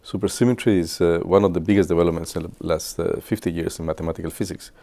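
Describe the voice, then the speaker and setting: Guy in his 60s, super low and mellow, lots of uhs while he remembers stuff for students. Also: fairly even intonation, gravelly. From Guatemala. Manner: halting, with many filler pauses. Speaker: physicist. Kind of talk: reminiscing talk to students.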